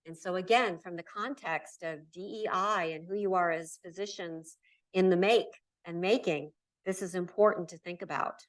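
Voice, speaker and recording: A middle-aged keynote speaker from Nebraska gives an emphatic conference talk in a lecture hall, stressing key words in repeated lists. Her voice is on the low side, steady, and moderately paced. She sounds far off the mic.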